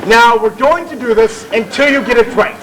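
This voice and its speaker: A man's voice: extremely high pitch, a little fast. An actor playing a bossy, theatrical Victorian music hall chairman, declaiming and bantering with the audience on stage. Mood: mock scolding. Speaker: master of ceremonies. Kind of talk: comic stage musical narration. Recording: noisy live theatre audience recording.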